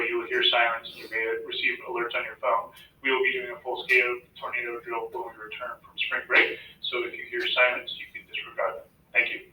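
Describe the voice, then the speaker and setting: A man's voice comes through a school intercom speaker, sharp and tense in tone, heard from across the room. The loudspeaker sound rings with room echo, and a faint hiss sits under it. He delivers a polite, steady announcement. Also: medium pitch. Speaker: school staff making an announcement. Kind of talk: public address announcement. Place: classroom, heard over the PA. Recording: echoey loudspeaker heard from far off.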